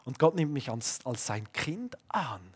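A man who has children of his own, preaching a sermon and swinging between loud emphatic bursts and hushed, slowed-down lines. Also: medium pitch, very animated, breathy edge. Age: adult, father of young children.

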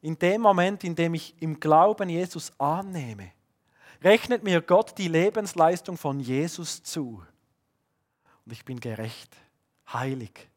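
A male preacher delivers his sermon in a voice pitched a little above the usual for a man. He pushes some lines out loud and fast, then pulls others down to a near hush and slows right down on them. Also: lively intonation. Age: adult, father of young children. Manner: swings between loud emphasis and hushed, slow lines.

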